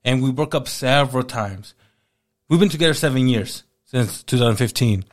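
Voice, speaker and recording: Appearing as an interview guest, this thirtysomething man recounts his life in a relaxed, lively way, performing the quoted lines as he goes. His voice sits at medium pitch and moves at normal speed.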